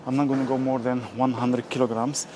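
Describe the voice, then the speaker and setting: Here the workout vlog is narrated by a man with a mid-range voice who speaks flatly and fairly quickly over background noise. He talks through his leg sets at the gym in a casual way, motivating himself between them and occasionally running short of breath.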